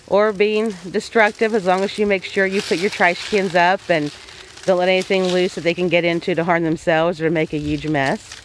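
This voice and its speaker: A woman's voice: lowish voice, little pitch movement, moderate pace, background noise. A woman homesteader giving a casual voice-over, plain-spoken and folksy with homey farm phrasing.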